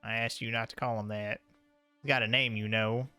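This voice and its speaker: A man reading the lines of an odd hospital janitor who dotes on his machine, slow and earnest. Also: fairly low pitch, flat delivery, pushed and bright, clear, resonant tone, no room sound, faint music behind.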